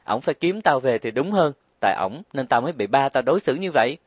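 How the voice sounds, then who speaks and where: A man's voice: medium pitch, lively intonation, fast talker, breathy edge, dry recording. A man reading an audiobook, voicing a proud, stubborn young wife who complains and talks back. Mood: defiant. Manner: defiant, complaining.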